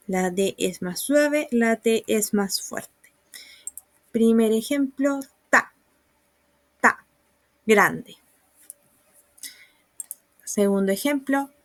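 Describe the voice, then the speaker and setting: A woman's voice: on the high side, no echo. A woman, patiently explaining sounds and writing in a recorded online lesson. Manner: slow, patient explaining with examples. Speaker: Mandarin teacher.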